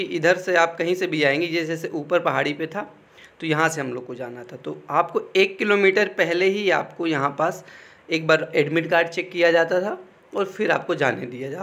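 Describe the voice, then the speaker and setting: Here a young man with a slightly high, fairly bright voice walks students through exam advice in a casual YouTube style. He checks in often with "okay" as he explains.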